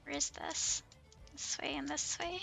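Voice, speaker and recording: Over background music, a woman livestreamer talks herself through a game with casual, giggly commentary, easily flustered. Her high voice is bright, creaky and forceful, with fairly even intonation and a slightly slow pace.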